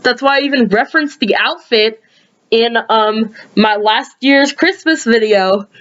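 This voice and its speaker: A woman casually rambling through reviews of her own videos, sleepy and yawning, with lots of ums and sudden jumps in pitch. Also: unhurried, fairly bright tone, muffled recording.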